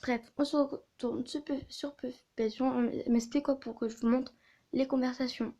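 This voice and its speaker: Soft-spoken, hesitant young woman. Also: high-pitched, steady tone, moderate pace. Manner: hesitant, many fillers and restarts. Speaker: video creator. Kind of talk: casual storytime video.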